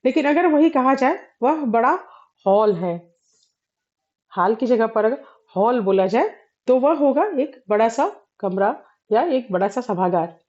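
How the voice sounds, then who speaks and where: A woman teaching a spoken Hindi grammar lesson, explaining slowly with many fillers and pauses and clearing her throat often. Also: a little high, animated, mellow, dull audio.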